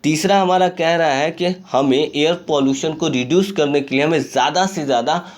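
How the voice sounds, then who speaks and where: A man teaching an English grammar lesson in a recorded online class, reading examples slowly and acting out rising and falling tones. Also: on the high side. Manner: reads English examples slowly and demonstrates question-tag intonation; encouraging, repeats "ठीक है" often. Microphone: phone screen recording.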